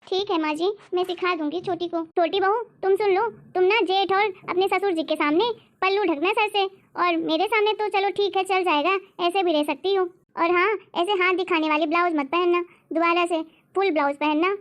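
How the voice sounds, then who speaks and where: Woman voicing a stern old cartoon mother-in-law, scolding, bossy, very high voice. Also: steady tone, normal speed, few pauses, fairly bright tone. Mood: instructing. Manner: bossy, lecturing, scornful. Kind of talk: cartoon story voice acting.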